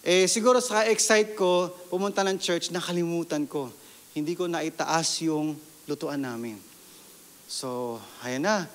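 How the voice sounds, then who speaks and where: A man's voice: on the high side, a little slow, a bit bright, long reverb tail. A man from the Philippines, a pastor, giving a sermon testimony and asking the congregation questions as he tells his story.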